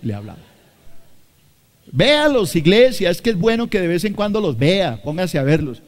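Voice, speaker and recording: A Colombian pastor with a Bogotá accent preaches emphatically to his congregation, repeating phrases and speaking to them directly. His voice is high, with wide swings in pitch, and he talks at a normal speed.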